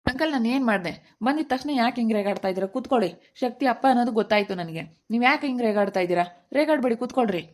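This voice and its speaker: A woman's voice: on the high side, lively intonation, very fast, hardly any pauses, a little mellow, natural voice. A woman playing a defiant young man in love who argues back insistently, in an amateur family skit. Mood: defensive.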